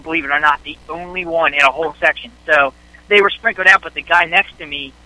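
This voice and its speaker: A high, very bright voice belongs to a man who tells a rambling game-day story in a casual sports chat. He jumps around and restarts often. The sound is dry and close. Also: fairly even intonation, fast, no echo, low-quality recording. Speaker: podcast co-host.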